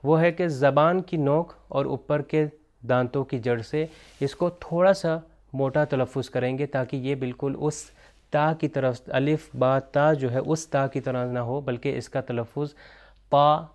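Male recitation teacher, measured explainer, resonant clean tone, chants examples slowly. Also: medium pitch, fairly even intonation, a little mellow. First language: Urdu. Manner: explanatory, mixes in English terms, slow chanted recitation of examples. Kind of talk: recorded pronunciation lesson.

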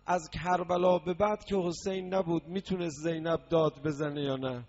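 Gravelly man preaching a mourning sermon. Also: on the high side, fairly even intonation. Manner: swells from quiet talk into loud sung lament. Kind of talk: mourning sermon with chanted lament. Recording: dull lo-fi recording.

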